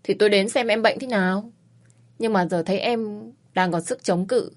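A woman's voice: mid-range voice, moderate pace, lightly acted. A woman voicing a young man who teases and insists with his reluctant bride-to-be. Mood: teasing. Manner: teasing, insistent. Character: teasing, pushy young fiancé.

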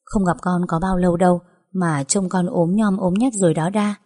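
Narrator puts on a doting older lady for a storybook, soft motherly scolding, husky and warm. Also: fairly low pitch, steady tone, moderate pace, natural voice. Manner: gentle, coaxing, motherly scolding. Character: kind fussing older landowner's wife, doting.

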